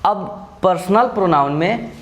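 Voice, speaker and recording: A male schoolteacher talks through a grammar lesson at an unhurried, deliberate pace. His voice sits a little high for a man. He breaks each point into small steps and keeps checking that the class is following. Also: animated. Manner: slow, explains step by step, often checks with "okay?". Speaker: school teacher.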